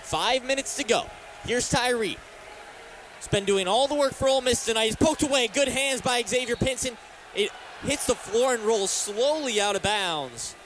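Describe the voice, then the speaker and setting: An American radio announcer and sports talk host calls live basketball play-by-play from courtside in a sports arena. His voice is very high-pitched and a bit bright at a moderate pace, with faint background noise in the live broadcast.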